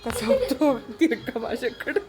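Woman chatting softly about her pet parrot. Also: high voice, sing-song, measured pace, loud music behind the voice. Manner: affectionate baby talk to a parrot. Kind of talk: casual home vlog chat. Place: home at night.

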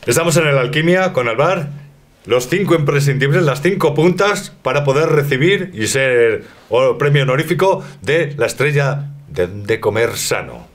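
A man's voice: medium pitch, expressive, normal speed, soft background music. A man in his thirties co-hosting with a playful, theatrical manner in a restaurant dining room, picked up by a distant camera mic. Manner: theatrical, jokey. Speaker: co-host.

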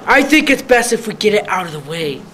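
A woman voicing an old male headmaster giving a grand, slow welcome speech. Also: mid-range voice, sing-song, pushed and bright, a little hiss or hum. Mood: ceremonious.

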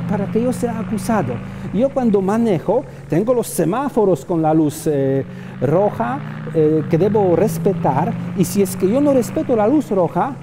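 A middle-aged man, a friar, giving a chatty, plain-spoken sermon outdoors while riding a motorbike on a city street. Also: high voice. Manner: chatty, plain-spoken, with homely everyday examples. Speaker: friar preacher. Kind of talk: informal sermon on the road. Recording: open-air street with traffic noise. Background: passing cars and street traffic.

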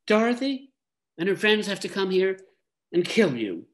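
A man voicing an excitable fourteen-year-old boy who rushes to share gossip, read aloud from a book. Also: sits high, voice pushed up. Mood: blurting.

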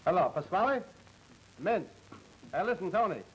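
A man's voice: sits high, very animated, moderate pace, lo-fi sound, a little hiss or hum. An actor playing an obliging male fence who casually arranges deals over the phone. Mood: businesslike. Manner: easygoing, casual, talks business on the phone. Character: smooth male fence, obliging gangland fixer.

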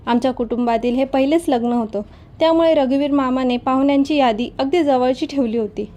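A woman narrating a storybook tale in the first person with a steady, even reading. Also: sits high, a little fast.

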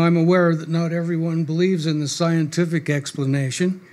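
On a small club stage, an older man serves as guest speaker, reading wry remarks from a sheet at a podium stand mic. The voice leans high with a darkish tone, and the delivery stays measured and dry.

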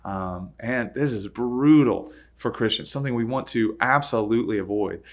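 Man, Bible study leader, relaxed and chatty, lots of "uh"s, reads scripture then unpacks it. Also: mid-range voice, normal speed. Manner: conversational, with frequent "uh" fillers and self-corrections; reads scripture aloud, then explains it informally. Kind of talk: casual Bible study teaching.

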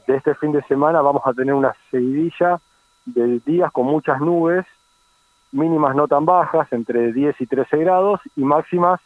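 An Argentine man reports the weather conversationally on a radio call. His pitch is average and the sound is narrow and phone-like, with no room echo. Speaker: weather forecaster.

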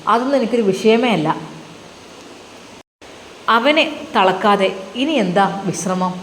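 A woman's voice: medium pitch, roomy sound, big-room sound, slight background noise, lightly acted, rough recording. A woman voicing a devoted male religious teacher who firmly consoles his frightened wife. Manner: firm, consoling, determined.

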